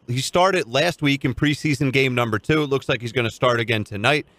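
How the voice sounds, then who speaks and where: A man's voice: medium pitch, fairly quick, fairly bright tone, no echo. A man hosting a sports talk show, putting conversational questions to a reporter. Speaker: sports radio host.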